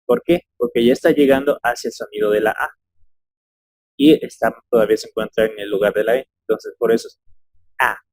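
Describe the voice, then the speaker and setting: A man's voice: lowish voice, steady tone, brisk, a little mellow, no echo. A man teaching English phonetics in Spanish, explaining step by step and modeling sounds aloud one by one. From Ecuador. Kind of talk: phonetics lesson.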